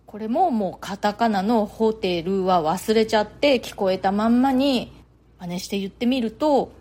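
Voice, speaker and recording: A middle-aged woman with a Japanese accent talks casually to her podcast listeners. Her delivery is chatty and loose, sprinkled with filler words, at a middle pitch. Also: normal speed, mellow. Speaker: podcast host.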